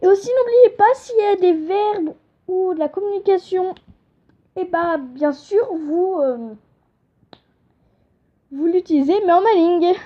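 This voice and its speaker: A young woman giving a casual home-made language lesson, chatty and hesitant, often correcting herself. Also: very high voice. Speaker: channel host teaching an invented language. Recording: dull lo-fi home recording.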